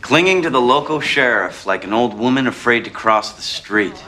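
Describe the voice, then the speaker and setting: A man's voice: mid-range voice, lively intonation, moderate pace, close to an everyday voice, poor audio. An actor playing a sneering man who mocks a rival with open scorn in a television drama. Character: sneering man mocking a would-be leader.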